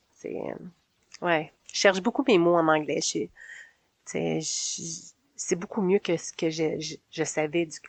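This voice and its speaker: Her voice sits low and gravelly, with no room sound at all. She is a Quebecer in her forties with a Québécois French accent, sociably recounting her story in an interview and laughing frequently between phrases.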